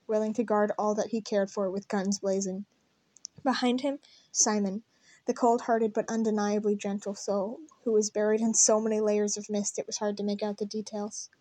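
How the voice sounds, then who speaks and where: Soft, even woman reading a story. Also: medium pitch, no room sound. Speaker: reader. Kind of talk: fan fiction read-aloud.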